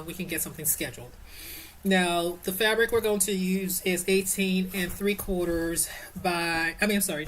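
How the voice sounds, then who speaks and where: A woman's voice: fairly low pitch, fairly bright tone, slight background noise. A woman casually teaching an easy sewing project at home, chatty and rambling, with many fillers and self-corrections.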